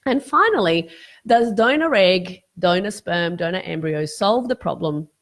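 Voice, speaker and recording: A woman's voice: on the low side, expressive, unhurried. Woman losing her voice, hosting live Q&A. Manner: earnest, explanatory, with frequent fillers and restarts. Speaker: fertility specialist hosting a live Q&A. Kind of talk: live-streamed Q&A talk.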